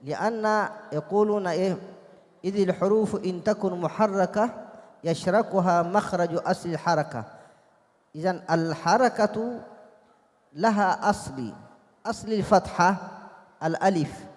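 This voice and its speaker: A man's voice: high voice, moderate pace, long pauses. A man teaching Quran recitation, explaining vowel sounds and singing short examples. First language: Arabic. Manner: demonstrates sounds in sung recitation. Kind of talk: tajwid lesson. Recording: long hall reverb.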